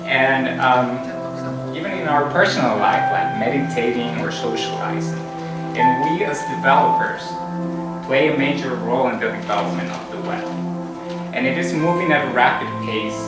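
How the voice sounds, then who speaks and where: A middle-aged man from Costa Rica delivers an earnest talk at a conference, using lots of fillers, his voice medium in pitch and normal in speed. He's in a large conference hall, recorded from a distance so the sound is echoey, with music present.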